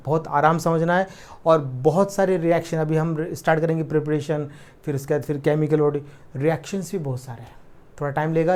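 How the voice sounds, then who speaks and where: A middle-aged man with an Indian accent teaching chemistry in a classroom lecture, mixing in English terms and slowly repeating key words as he writes them on the board. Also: fairly high pitch, darkish tone. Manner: explains patiently, repeats key terms slowly while writing.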